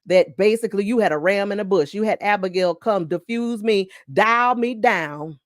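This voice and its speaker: A woman's voice: mid-range voice, moderate pace, no echo, studio quality, lightly acted. A woman voicing the biblical King David as a proud man humbled, speaking in a streetwise, confessional way. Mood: grateful.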